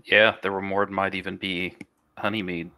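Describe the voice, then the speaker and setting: A man's voice: sits low, level tone, normal speed, pushed and bright. A man taking part in a tabletop role-playing game as a player, chatting casually.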